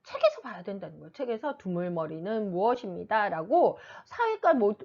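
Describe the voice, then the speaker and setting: A middle-aged woman teacher giving parents casual advice, animated and acting out kids and mothers in quick asides. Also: medium pitch, muffled recording. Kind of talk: casual explanatory talk to parents.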